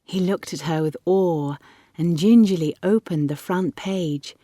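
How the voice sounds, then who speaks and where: A woman narrating a short story audiobook in a measured storytelling manner. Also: on the low side, warm tone, no room sound. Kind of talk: scripted narration.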